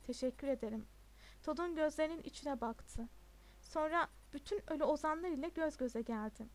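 A woman reading a novel aloud as an audiobook narrator in a steady, even way. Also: sits high, moderate pace.

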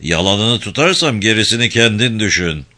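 A coarse young bully of a senior student, put on by a male narrator barks his questions and threats. The voice is loud and bright, with a hard edge. It sounds like a read-aloud audiobook. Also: lowish voice, very animated, moderate pace. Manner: gruff, barking and scolding. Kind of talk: audiobook character voice.

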